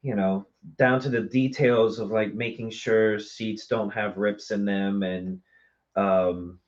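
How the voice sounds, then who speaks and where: A guest from a small theater company talks casually and at length in a live interview, chatty and enthusiastic about his work. His male voice is fairly low, steady in tone and slow, and the recording sounds muffled.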